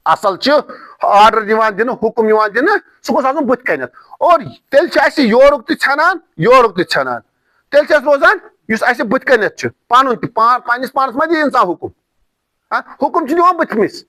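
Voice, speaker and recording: A man teaches an Arabic lesson, repeating each form patiently and stressing his examples. His voice sits very high for a man and sounds bright and forceful. The recording is close and dry. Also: very animated, no echo. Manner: slow, repetitive drilling of word forms, emphatic examples.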